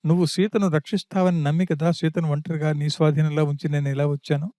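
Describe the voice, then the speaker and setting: Brief: a man doing a sorrowful, reproachful royal elder brother in a spoken epic, mellow and a touch high. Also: level tone, brisk, no room sound, clean studio sound, close to an everyday voice. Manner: reproachful, grieving.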